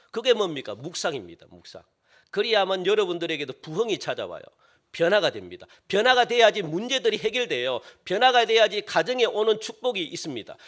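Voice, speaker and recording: Preaching from a church sanctuary, this high-voiced male pastor keeps repeating phrases and asking questions only to answer them himself. On key words, his delivery sinks to a hush.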